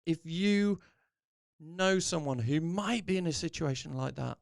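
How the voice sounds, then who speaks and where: Earnest man with a gravelly voice. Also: fairly high pitch, unhurried, dry recording, clean studio sound. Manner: earnest, encouraging, rambling with restarts. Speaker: podcast host. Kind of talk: motivational talk to camera.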